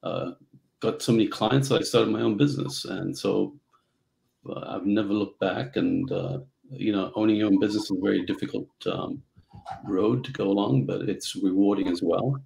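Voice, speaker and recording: Middle-aged man from Central Africa, low gravelly voice, halting speech full of fillers, video call guest. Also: darkish tone, rough recording. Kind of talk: casual interview storytelling. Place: home office.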